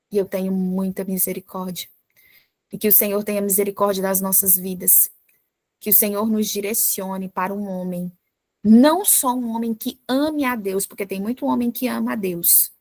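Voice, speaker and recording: A woman leading a prayer meeting, telling a personal story in an informal devotional talk, lively and full of little fillers. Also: medium pitch, normal speed, no echo.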